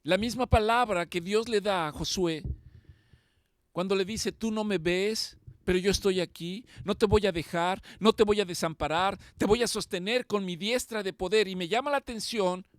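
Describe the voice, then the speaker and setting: A man's voice: high voice, normal speed, dry recording, studio quality. A man preaching a sermon as pastor, impassioned and emphatic, repeating key phrases for weight.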